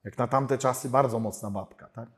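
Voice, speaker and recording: A man giving an animated personal testimony at a prayer group conference, acting out the dialogue in his stories. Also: normal speed. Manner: storytelling, acts out dialogue with pitch jumps. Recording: hall reverb.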